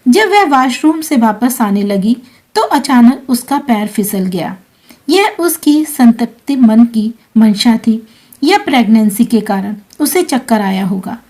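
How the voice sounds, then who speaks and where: A woman narrating an emotional story in a slow, tender storytelling manner. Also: a little high, very animated, darkish tone.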